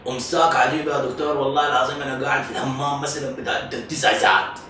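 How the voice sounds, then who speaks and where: A man's voice: medium pitch, fairly even intonation, rapid-fire, sharp tone, soft background music, natural voice. A man voicing an insistent, complaining Sudanese caller with a Sudanese Arabic accent in an improvised prank call. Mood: exasperated.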